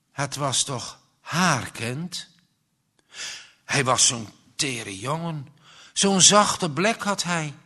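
Slow, expressive male storyteller. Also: medium pitch. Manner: slow, expressive delivery with pauses. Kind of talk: dramatic story reading.

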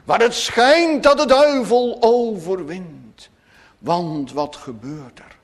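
A man's voice: high-pitched, takes it slowly, in a large hall. A man preaching a sermon to his congregation, solemn, with dramatic rises and falls. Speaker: pastor.

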